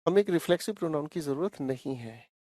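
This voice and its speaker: A man's voice: fairly high pitch, animated, fast, dark tone, dry recording, studio quality. A male teacher explaining English grammar to an online class, coaxing and repeating himself, calling the students his children.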